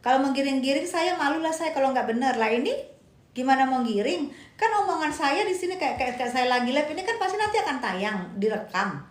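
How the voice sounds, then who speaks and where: A woman's voice: fairly high pitch, echoey room. A woman giving casual live-stream commentary. She argues emphatically, repeats her points and answers viewer comments aloud.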